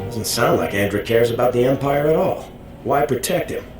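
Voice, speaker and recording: An actor playing a steadfast, dutiful military lieutenant in a video game, firm and matter-of-fact. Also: male voice, medium pitch, expressive, moderate pace, natural voice. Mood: firm, resolute. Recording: roomy echo, faint music.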